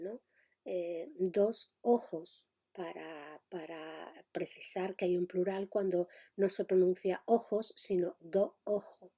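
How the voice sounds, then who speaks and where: A woman's voice: on the low side, warm tone, slightly rough. A middle-aged woman giving a spoken linguistics lesson, explaining step by step with frequent hesitations and checks on her listeners. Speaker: lecturer.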